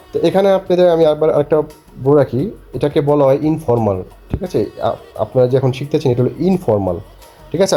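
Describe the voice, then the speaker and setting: Man, beginner language teacher, patient, dark husky voice, soft music behind. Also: medium pitch. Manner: patient, repeats phrases slowly for learners to copy; keeps asking if learners follow.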